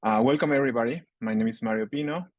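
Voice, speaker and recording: A man's voice: medium pitch, very fast, dry recording, narrow, tinny audio. A man with a Chilean accent moderating a panel discussion, hesitating often with ums. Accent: Chilean Spanish.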